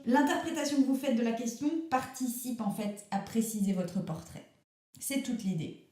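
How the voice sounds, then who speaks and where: A woman's voice: on the high side, animated, normal speed, dark tone, roomy sound, lightly acted. A woman doing Sally, a mock-formal radio interviewer. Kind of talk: comic radio sketch.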